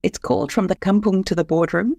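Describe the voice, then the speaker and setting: High, gravelly man hosting a podcast. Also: fairly quick, a little mellow, no echo. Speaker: podcast host. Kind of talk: podcast interview.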